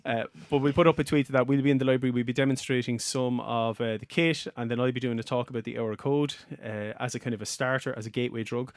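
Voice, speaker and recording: A man's voice: medium pitch, steady tone, fast talker, hardly any pauses, no room sound, studio quality. A middle-aged man hosting a podcast, chatting casually and rambling a little with restarts. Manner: rambling, self-interrupting storyteller. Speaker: podcast host. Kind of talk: casual panel chat.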